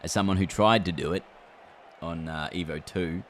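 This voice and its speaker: Male streamer, deep voice, chatty play-by-play over a game, steady background noise. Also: normal speed, a faint crowd. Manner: chatty, reacts aloud to the game and answers chat. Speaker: gaming streamer. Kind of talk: casual livestream chat while playing.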